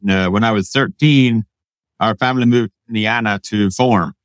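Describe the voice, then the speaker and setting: A man's voice: fairly low pitch, normal speed, no room sound. A man from Pennsylvania, a guest on an interview show, recounting his past in a plain, matter-of-fact way. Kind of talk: casual interview storytelling.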